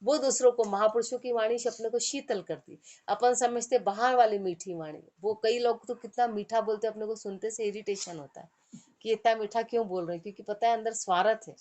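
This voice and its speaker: A woman giving a devotional discourse who chants verse lines slowly and then explains them in plain, conversational speech. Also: a little high, fairly even intonation, darkish tone. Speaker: spiritual teacher.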